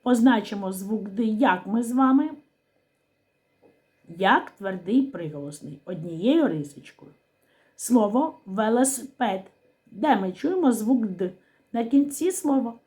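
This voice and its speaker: A woman teacher with a Ukrainian accent leads a lesson for small children. She speaks slowly and deliberately, pronouncing every sound with care. Her voice is soft and mellow, and she pauses after each question. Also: medium pitch. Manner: slow, clearly articulated, question-and-answer with pauses. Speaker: primary school teacher. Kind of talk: slow literacy lesson for young children.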